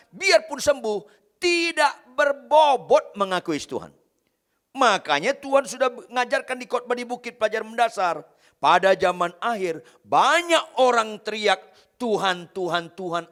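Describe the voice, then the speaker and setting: A man preaching a sermon as pastor, driving home points by repeating key phrases and swinging between loud and soft. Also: extremely high pitch. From Indonesia.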